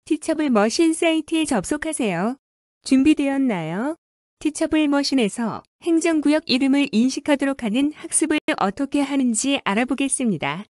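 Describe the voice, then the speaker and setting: A woman teacher giving a clear, scripted coding lesson narration. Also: high voice, normal speed, no room sound, studio quality. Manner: clear, even, instructive.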